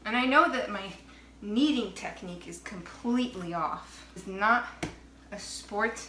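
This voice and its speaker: A woman's voice: mid-range voice, unhurried, bright, forceful tone, reverberant, a little hiss or hum. A woman chatting casually on a vlog while she bakes at home, exasperated and self-mocking, swearing now and then. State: out of breath. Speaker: vlogger. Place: home kitchen.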